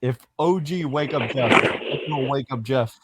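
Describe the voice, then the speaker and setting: A man's voice: mid-range voice, normal speed, heavy background noise. A man co-hosting a casual fan podcast, talking in a rambling, hesitant way with many restarts. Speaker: podcast co-host.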